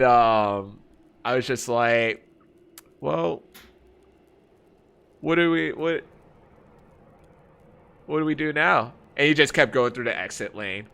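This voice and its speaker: A man's voice: fairly high pitch, smooth. A man streaming a game, casually telling an anecdote in slangy talk, acting out his friends' lines and laughing often. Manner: relaxed slangy talk, calls people bro and man. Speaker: let's play streamer. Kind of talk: casual storytelling while gaming.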